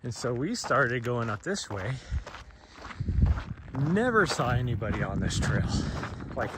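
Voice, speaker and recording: A man's voice: mid-range voice, big pitch swings, measured pace. A man chatting casually while out on a trail, rambling with frequent laughs and a throat scratchy from smoke. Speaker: trail runner vlogger. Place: outdoors on a trail. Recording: noisy outdoor recording.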